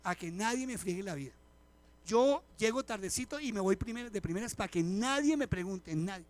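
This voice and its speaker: A man's voice: high voice, lively intonation, brisk. A man voicing an aloof male churchgoer in a sermon, who grumbles dismissively about wanting to be left alone.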